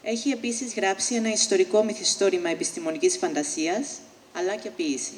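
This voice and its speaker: A woman of middle pitch introduces an author at a book launch in a conversational tone and slips in light asides. Her voice carries a long hall reverb. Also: slight background noise. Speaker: event host.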